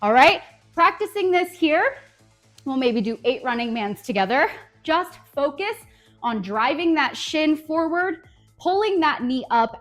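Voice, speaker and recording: A woman teaching a dance tutorial in an upbeat coaching manner, counting beats aloud. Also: high-pitched. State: out of breath at times. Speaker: dance instructor.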